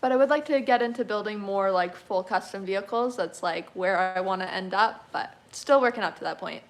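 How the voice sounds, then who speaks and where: Woman, twenties, car restorer reading chat aloud; easygoing, chatty, quick to laugh. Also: medium pitch. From Canada. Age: 20s. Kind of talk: casual livestream Q&A reading chat.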